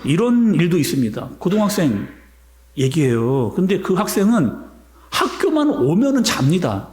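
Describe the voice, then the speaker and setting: Male pastor for a sermon, lively storyteller who keeps turning to the congregation, high voice, echoey sanctuary. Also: moderate pace. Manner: animated storytelling, addressing the congregation directly. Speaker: senior pastor. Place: church sanctuary.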